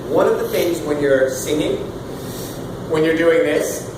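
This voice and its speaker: A man in his thirties leading a casual singing workshop, loud and animated, swearing now and then and demonstrating sounds as he explains. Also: a little high, unhurried. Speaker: vocal coach. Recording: roomy, far from the mic, with room noise.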